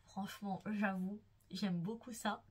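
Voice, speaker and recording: A woman's voice: medium pitch, fairly even intonation, a little slow, darkish tone, slightly rough. A young woman hosting a book vlog who gushes playfully and swoons as she talks about her favorite characters. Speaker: book vlogger. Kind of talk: casual enthusiastic book chat.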